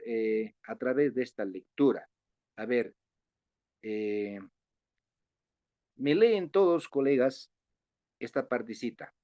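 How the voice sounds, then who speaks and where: A man's voice: mid-range voice, a little mellow, dry recording. A man teaching an online class, patiently spelling out syllables with many filler sounds. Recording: dull, lo-fi online class audio.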